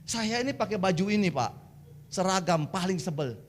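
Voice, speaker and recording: A man with a notably high voice delivers a sermon in a church. He talks in loose, slangy storytelling and mixes jokes with teaching about family life. The tone stays casual and animated throughout. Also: moderate pace, slight background noise. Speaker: guest preacher. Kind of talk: humorous sermon.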